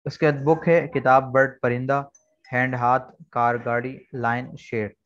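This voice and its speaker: A man's voice: mid-range voice, little pitch movement, measured pace, fairly bright tone, muffled recording. A man teaching an online English lesson, explaining words patiently and repeating key points. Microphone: video call.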